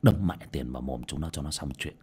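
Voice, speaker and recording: A man's voice: sits low, lively intonation, moderate pace, dark tone, breathy edge, pitched below the performer's own voice, exaggerated voice. A man voicing a coarse, bad-tempered middle-aged contractor boss who curses and barks orders. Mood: grumbling low. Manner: bullying, cursing, barking orders.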